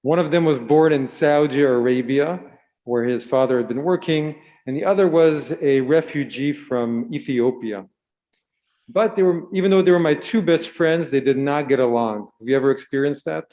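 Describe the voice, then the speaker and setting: A man who was born in Israel gives a gentle, storytelling sermon to children at a Shabbat service and asks them questions along the way. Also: fairly high pitch, moderate pace. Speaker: rabbi. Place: synagogue sanctuary.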